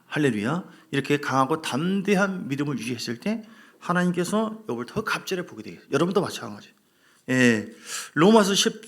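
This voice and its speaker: A man's voice: a little high, a bit bright. A middle-aged man, preaching emphatically as pastor and acting out quoted voices with sighs. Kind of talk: sermon.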